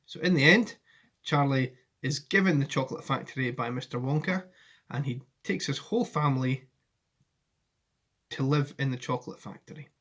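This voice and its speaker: In his living room at home, a forties-aged male teacher reads a children's story with expression and talks to his pupils in a friendly manner. His voice sits in the mid range with a fairly bright tone and a moderate pace. The recording comes from a device camera at arm's length.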